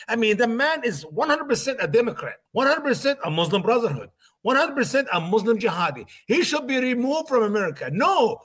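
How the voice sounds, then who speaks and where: A man with an Egyptian accent delivers heated commentary as host. His voice sits high and a little husky, and he swings his pitch widely with emphatic force. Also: a bit bright. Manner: impassioned, emphatic, rising to outbursts.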